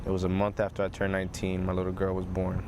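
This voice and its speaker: A young man giving a casual, halting documentary interview, full of "you know.". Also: low-pitched, completely flat delivery, over loud music. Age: young adult.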